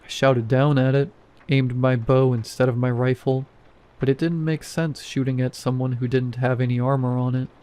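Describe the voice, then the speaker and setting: A man's voice: medium pitch, little pitch movement, normal speed, warm tone, natural voice. A man voicing a shaken wall guard. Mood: uneasy. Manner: plain first-person retelling, casual asides.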